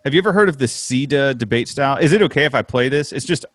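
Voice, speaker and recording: A man's voice: medium pitch, animated, fast, no room sound. Casual male co-host, dry close sound, swears freely. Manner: loose, swearing, laughing often. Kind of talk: casual chat. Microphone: remote call microphone.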